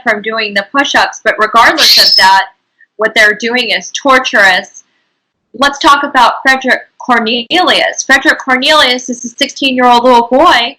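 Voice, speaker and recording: A woman's voice: fairly high pitch, bright, forceful tone, rough recording. A woman hosting an interview, speaking indignantly and emphatically, repeating her points. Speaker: interviewer, host.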